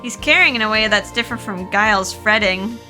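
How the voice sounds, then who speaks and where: A woman's voice: mid-range voice, a little fast, pushed and bright, faint music behind. A woman voicing a dreamy young college student, reading game lines aloud in a wondering tone.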